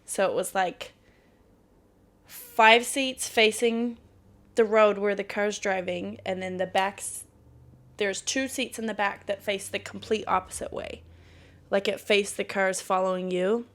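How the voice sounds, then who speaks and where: Gravelly-voiced woman chatting candidly. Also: mid-range voice, steady tone, measured pace. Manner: candid, swears freely, laughs often. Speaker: podcast host. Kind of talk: casual solo podcast chat.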